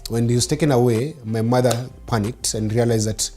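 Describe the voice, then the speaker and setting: Speaking with a Kenyan accent, a forties-aged man whose native tongue is Swahili chats about his life as a guest in an interview. He has a mellow, medium-pitched voice, keeps a steady tone, and moves a little fast over faint background music.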